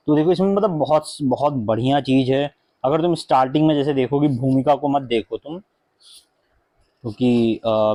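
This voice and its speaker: A man's voice: mid-range voice, mellow, no room sound. A young man reviewing a book in a casual home vlog, chatting in a loose mix of Hindi and English with plenty of fillers and asides. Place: indoor room at home with a fan running.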